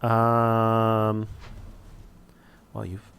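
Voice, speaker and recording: A man's voice: lowish voice, completely flat delivery, very slow, gravelly, fairly bright tone, clean tone. A man casually commenting on a strategy game as he plays, thinking aloud with wry asides. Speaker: let's play host.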